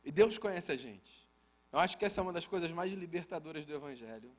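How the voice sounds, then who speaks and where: High-voiced Brazilian pastor preaching. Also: male voice, lively intonation, fast. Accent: Brazilian Portuguese. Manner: conversational, humorous asides to the congregation. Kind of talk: sermon with personal storytelling. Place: church service.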